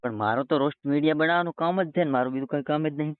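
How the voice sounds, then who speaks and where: Racing along in a smooth, fairly high-pitched voice, a man argues hotly over the phone as a roast video creator fielding a call. His speech is colloquial, stubborn and combative, captured as a tinny phone-line recording.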